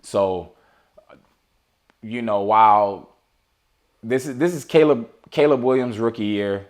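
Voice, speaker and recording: A man's voice: mid-range voice, slow pace. A man co-hosting a casual sports podcast, talking loosely with many restarts and playful outbursts. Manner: animated, talks over his co-host with playful outbursts. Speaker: podcast co-host.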